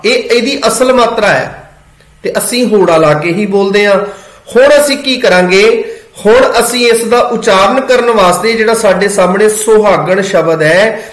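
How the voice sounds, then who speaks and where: A man's voice: high-pitched, echoey room, rough recording. A man giving a patient pronunciation lesson, asking questions and answering them himself. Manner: patient, asks and answers his own questions. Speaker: Gurbani pronunciation teacher. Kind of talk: step-by-step spoken lesson.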